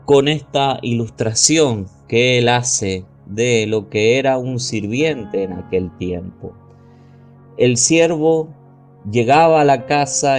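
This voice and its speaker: Slow, deliberate preacher man. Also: medium pitch. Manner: slow, deliberate preaching that stretches key words and reads scripture aloud. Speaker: pastor. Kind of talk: sermon.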